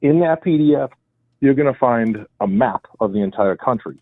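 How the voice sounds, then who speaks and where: A Boston-accented man calls in to a radio show from home, his wife beside him, and explains at length with rambling emphasis. His medium-pitched voice has lively intonation and a moderate pace. He starts on speakerphone, then switches to the handset, over a dry phone line with no room sound.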